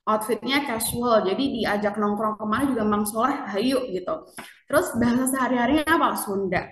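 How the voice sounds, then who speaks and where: A woman's voice: a little high, a little fast, a bit bright, reverberant, distant mic, slight background noise. A woman presenting a casual marketing lecture, chatty, often asking the audience questions.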